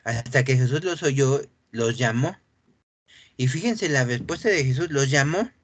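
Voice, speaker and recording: A man preaching a sermon, animated and acting out voices from the scripture reading, who often clears his throat. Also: medium pitch, a little slow. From Mexico.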